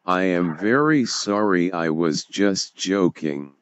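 A synthesized robot voice, low-pitched and unhurried, with smooth, clean diction. It plays a blunt, cheeky talking robot in flat, clipped machine phrases. The sound is dry and a little dull, like audio from a computer speaker. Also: male voice, no room sound. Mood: deadpan. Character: dumb talking robot chatbot, male, cheeky.

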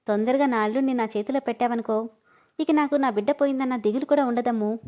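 A woman's voice: on the high side, lightly acted. A woman voicing a chatty, consoling sister-in-law. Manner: talkative and consoling, gently scolding. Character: caring older sister-in-law, chatty, scolding kindly.

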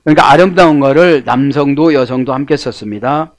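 A man preaching a sermon, often prompting his listeners with short questions and swinging between emphatic and hushed lines. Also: mid-range voice, brisk, dry recording. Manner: rhetorical questions, frequent prompting "eh?". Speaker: pastor.

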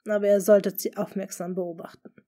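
A woman voicing a scheming noble duke in an audiobook, speaking smoothly and often in a hushed, half-whispered tone. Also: mid-range voice, flat delivery, natural voice. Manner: smooth, measured. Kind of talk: audiobook character reading.

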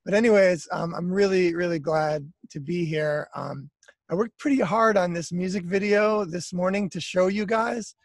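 American guy in his 30s chatting on zoom from outside, kinda gravelly, lots of ums. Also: high-pitched, normal speed, no echo. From United States. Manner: relaxed, chatty, apologetic, many fillers. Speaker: guest speaker, musician. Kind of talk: casual video call chat. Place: outdoors by trees, garden. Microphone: laptop webcam on video call.

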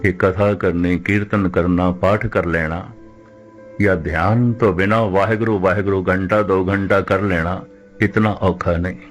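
Low-voiced man giving a measured sermon. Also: fairly even intonation, soft background music. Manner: measured and deliberate, slowing to draw out quoted scripture. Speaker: Sikh preacher. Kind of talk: religious discourse.

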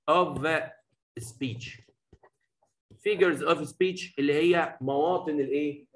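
A man with an Egyptian Arabic accent teaching a poetry lesson in a classroom, talking affectionately to his students and mixing Arabic with slowly read English lines. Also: on the high side, sharp tone, reverberant, poor audio. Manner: affectionate, addresses students as "habibi" and "baba"; mixes Arabic explanation with slow English reading.

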